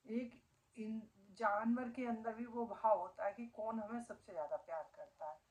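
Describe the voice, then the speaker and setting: A woman's voice: a little high, fairly even intonation, moderate pace, a little mellow, rough recording. A middle-aged woman vlogging casually at home, emotional and doting as she talks about her pet dog. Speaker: family vlogger. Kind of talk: casual home vlog talking to viewers. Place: at home indoors.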